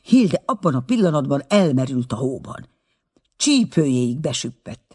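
A man narrating an audiobook with expressive storytelling. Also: mid-range voice, slightly rough.

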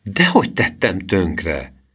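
A man's voice: low voice, fairly bright tone. A man voicing a stubborn young boy who talks back with indignation, in an audiobook reading. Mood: indignant.

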